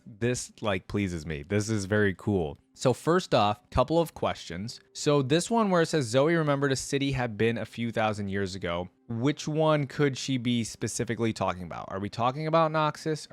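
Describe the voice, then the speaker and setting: With no room sound around his fairly low-pitched voice, a man reads a story aloud for a reaction video he's hosting. He muses as he goes, his commentary casual and meandering.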